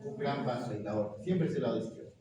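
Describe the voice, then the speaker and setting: A man's voice: medium pitch, crowd noise. Echoey male lecturer quizzing students. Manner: asks quick questions and confirms answers with "correcto, muy bien". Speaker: anatomy lecturer. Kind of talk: classroom anatomy lecture with student questions. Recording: very echoey room, distant mic, students audible. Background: students murmuring answers.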